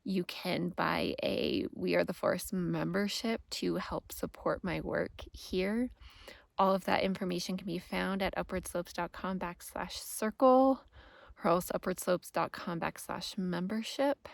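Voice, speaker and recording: A woman giving a calm, earnest grounding meditation talk as a guide, speaking deliberately with pauses and repeated phrases. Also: fairly low pitch, vocal fry, no echo. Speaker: meditation guide and practice host.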